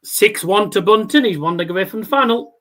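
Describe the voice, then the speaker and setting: A man's voice: sits high, lively intonation, brisk, fairly bright tone. A man, a stutter and R's that come out as W's, chatting casually and commentating as a livestream host, with some swearing. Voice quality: cannot pronounce R's, says w for r. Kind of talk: casual watchalong chat and darts commentary.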